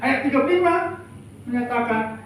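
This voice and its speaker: A man's voice: very high-pitched, expressive, brisk, fairly bright tone, faint music behind. A man preaching a sermon as pastor, emphatic and calling out to the congregation for replies. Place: church sanctuary. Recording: echoey church hall, mic far off.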